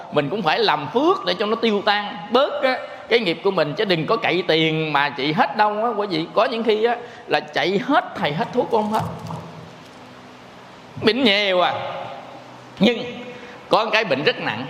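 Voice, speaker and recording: A Buddhist monk delivers a sermon in a fairly high voice. He talks in a homely, joking way, often turning to address his listeners directly. The sound rings with the long reverb of a large hall. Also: fairly bright tone. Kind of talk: dharma talk sermon.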